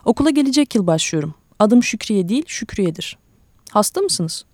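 A woman's voice: medium pitch, big pitch swings, a little fast, a little mellow, dry recording, studio quality. Şükriye, a curious little girl voiced by a woman. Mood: earnest. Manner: polite, eager questions. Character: small girl, curious and earnest.

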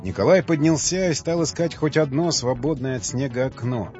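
A man narrates an audiobook in a steady, even manner, at a middling pitch. His voice is slightly dull and lo-fi, with faint music underneath. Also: moderate pace. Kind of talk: scripted narration.

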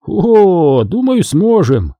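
A man's voice: high voice, huge pitch swings, very slow, mellow, no echo, highs cut off, pitched above the performer's own voice, heavily acted. A man reading an audiobook, voicing a cruel, imperious male Sith lord who gives orders. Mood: commanding. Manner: imperious, commanding.

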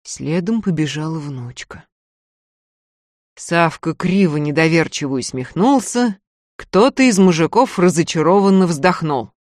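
A woman narrating a folk tale audiobook in a dramatic, expressive reading. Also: deep voice, a little slow, no room sound, studio quality. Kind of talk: storytelling narration.

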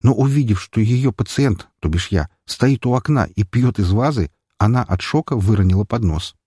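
A male audiobook narrator with a low, husky voice that moves up and down a lot as he reads. The sound is dry and close, with no room echo. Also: expressive, normal speed, dark tone.

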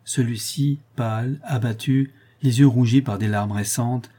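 A man narrating a classic novel in a measured storytelling manner. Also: mid-range voice, fairly even intonation, warm tone, slightly rough. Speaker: audiobook narrator. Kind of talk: scripted narration.

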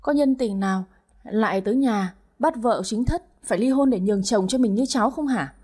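Brief: woman doing a composed older wife, dark husky tone, steady rebukes. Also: on the high side. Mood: calm reproach. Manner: calm, measured, firmly reproachful. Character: older wife, calm, firm and reproachful.

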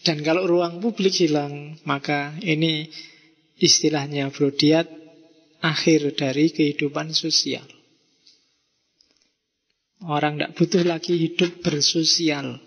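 A man with a Javanese accent gives a lively lecture, his voice sitting a bit high for a man. He acts out quoted messages as he talks. The sound rings with a long echo, as in a big hall. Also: takes it slowly, pauses often, slightly rough. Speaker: philosophy lecturer. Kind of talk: lecture to students. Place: mosque hall. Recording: reverberant hall.

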